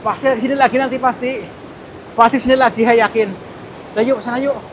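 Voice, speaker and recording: A high-pitched man talks in a hushed, nervous way as he hunts for spirits outdoors at night. He pleads and repeats the same words again and again. A loud rumbling noise runs underneath the whole recording. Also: steady tone, fast talker. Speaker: mystic vlogger. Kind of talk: hushed ghost-hunting commentary.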